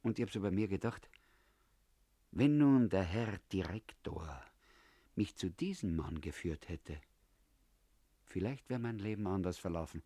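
A man's voice: low voice, animated, a little slow, pauses often, dark tone, no room sound. A man reading a first-person story aloud in a confiding tone, as if talking to an old comrade. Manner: confiding, addressing the listener as comrade. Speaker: audiobook narrator. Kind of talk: first-person literary narration.

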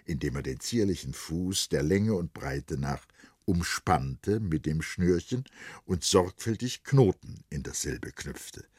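A man narrating a literary audiobook in an expressive, melodic way. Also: extremely low pitch, husky, dry recording, clean studio sound.

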